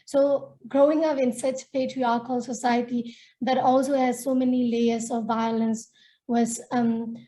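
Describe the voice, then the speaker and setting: A woman from northern Shan State in Myanmar, a native Nepali speaker, tells her life story as a webinar panelist over a video call. Her voice is a little high and warm. She's earnest and reflective with small restarts, and the recording quality is low.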